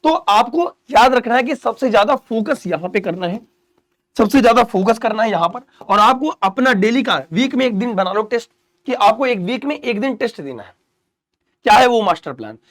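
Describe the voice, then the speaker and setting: Young guy teacher with a high voice, earnest study tips, gets loud then goes quiet and intense. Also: expressive, moderate pace. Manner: earnest, addresses students as "beta" and "mere pyare bachche"; swings between loud emphatic pushes and hushed intense pep talk. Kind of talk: motivational study-advice lecture.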